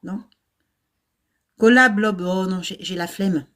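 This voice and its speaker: A woman's voice: mid-range voice, slow, fairly bright tone. A middle-aged woman hosting a casual livestream from an old house, chatty and self-mocking, laughing often and filling with hesitations. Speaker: nursing-assistant VAE coach and livestream host. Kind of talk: casual livestream chat with viewers. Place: old house without air conditioning.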